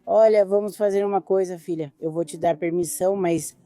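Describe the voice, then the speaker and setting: A mother recounting her family's story in a quiet, intimate documentary testimony. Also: lowish voice, steady tone, fairly quick, dry recording, faint music behind. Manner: quiet, intimate retelling with quoted dialogue. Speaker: grieving mother interviewed.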